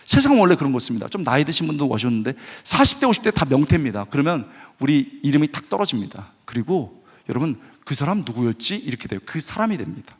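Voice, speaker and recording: Animated high-voiced male pastor. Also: quick pace, hardly any pauses, husky. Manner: animated, acts out quoted voices, asks the congregation questions. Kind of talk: lively sermon with acted anecdotes. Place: church sanctuary.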